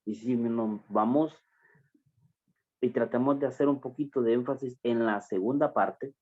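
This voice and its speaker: A man preaching a sermon, addressing the congregation as brothers and stressing phrases slowly and emphatically. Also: mid-range voice, darkish tone. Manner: slow, emphatic preaching with drawn-out words. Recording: dull lo-fi recording.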